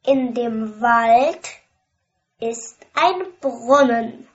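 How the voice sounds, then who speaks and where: A woman reads a simple fairy tale for learners at a very slow, careful pace. Her voice is high and bright. She asks and answers her own simple questions, and the recording sounds slightly dull. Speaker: reader of a graded story. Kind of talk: slow storybook reading for learners.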